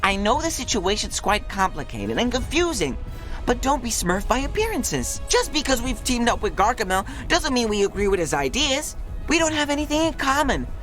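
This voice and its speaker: A woman's voice: on the high side, big pitch swings, normal speed, a bit bright, faint music behind. A woman voicing an earnest, self-important, brainy little male creature in a cartoon game, wordy and pompous. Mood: pleading, earnest. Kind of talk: animated game dialogue.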